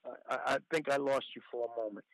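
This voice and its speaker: A male caller on a breaking-up phone line, talking in a halting way and repeating words. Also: medium pitch, steady tone, no echo. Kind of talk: call-in radio talk.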